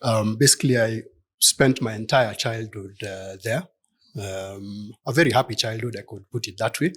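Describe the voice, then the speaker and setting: A middle-aged Kenyan man who is a partner at a law firm answers questions in a conversational interview, thoughtful and hesitant, with plenty of fillers. His voice is fairly low, a bit bright and husky, at a normal speed.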